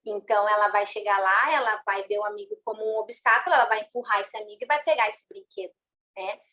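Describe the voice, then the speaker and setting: A woman's voice: mid-range voice, quick pace, bright, forceful tone. A woman speaking as a parenting mentor, chatting in a live online talk and answering questions from the chat, with frequent "né?" tags and restarts. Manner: conversational, frequent "né?", many restarts.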